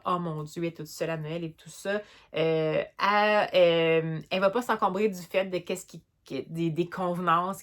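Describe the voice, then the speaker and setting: Chatty Québécois woman, low voice. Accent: Québécois French. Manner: chatty, animated, many fillers and restarts. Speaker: book vlogger. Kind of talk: casual book review vlog.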